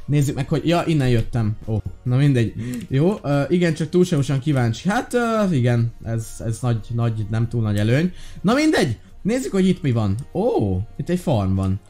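Excitable man commenting on a game. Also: mid-range voice, soft background music. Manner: excitable and curious, many fillers. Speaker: gaming video host. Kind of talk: casual let's-play commentary.

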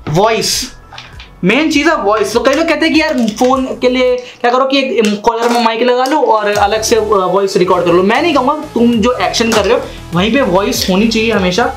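Chatty young man demoing gear at a desk. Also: high-pitched. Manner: chatty, instructive, repeats himself while working with his hands. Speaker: vlogger. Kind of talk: casual how-to demonstration. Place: small room indoors at a desk.

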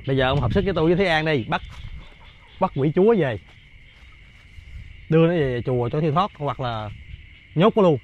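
A man doing excited commentary outdoors for a ghost-hunting vlog, stammering and repeating words in bursts. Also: fairly high pitch, brisk, long pauses, highs cut off.

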